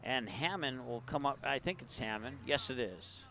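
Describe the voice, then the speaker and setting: A man calling a summer baseball game play-by-play, easygoing and chatty between pitches, with the hiccups. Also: lively intonation, moderate pace, gravelly, sharp tone. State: has the hiccups. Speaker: play-by-play announcer.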